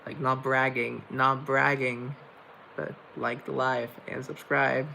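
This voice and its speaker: Reading viewer comments off his laptop, a young Colombian man hosts a casual livestream, rambling and thinking aloud. His mid-range voice is flat, slow and sharp, with vocal fry. The laptop mic gives a low-quality recording with slight background noise.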